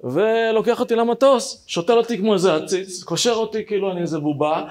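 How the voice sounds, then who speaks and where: A man with a fairly high voice tells a personal story as a rabbi. He talks straight to his listeners in an animated way, acting out what each person said. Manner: animated, acts out dialogue, addresses listeners directly.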